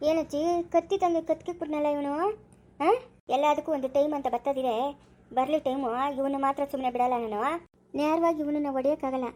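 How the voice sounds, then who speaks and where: A woman's voice: high-pitched, steady tone, a little fast, a little mellow, close to an everyday voice. A woman playing a scheming, vengeful village woman who grumbles her revenge plans aloud in a homemade family drama.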